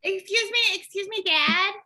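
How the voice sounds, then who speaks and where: A woman's voice: extremely high pitch, normal speed, sharp tone, heavily acted. A woman playing a curious daughter in an improv comedy scene, politely pressing her questions. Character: curious young daughter asking about the moon.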